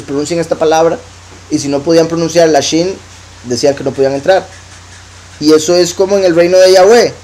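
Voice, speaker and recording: A man preaching in Latin American Spanish, reading verses slowly and explaining them conversationally. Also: on the high side, darkish tone, poor audio. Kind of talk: scripture teaching.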